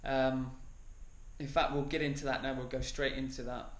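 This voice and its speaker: Man, thirties, casual workshop vlog, mid-pitched voice, echoey garage. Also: normal speed, heavy background noise. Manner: relaxed, lots of um fillers, explains as he works. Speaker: DIY motorcycle builder. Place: home garage workshop, indoors.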